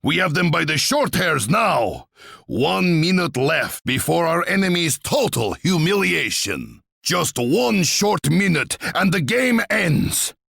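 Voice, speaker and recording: Ivan the Terrible, gravelly boastful warlord. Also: male voice, fairly high pitch, sing-song, slow, fairly bright tone, no echo, studio quality, exaggerated voice. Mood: triumphant. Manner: pompous, menacing, grandly theatrical delivery. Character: boastful, bloodthirsty Russian tsar warlord, adult man. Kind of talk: theatrical strategy game voice lines.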